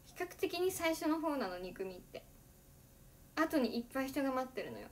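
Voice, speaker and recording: A woman's voice: high-pitched, very animated, fairly quick, a little hiss or hum. A teenage girl, an idol livestreamer, chatting casually and giggling often between sentences. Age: teens.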